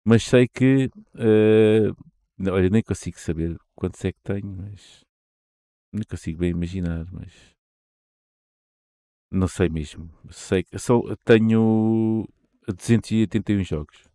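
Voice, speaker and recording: A man's voice: on the low side, unhurried, long pauses, dark tone, no room sound, clean studio sound. A man with a European Portuguese accent chatting casually as a podcast co-host, in a rambling, slangy way that often restarts sentences. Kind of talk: casual chat about the games industry.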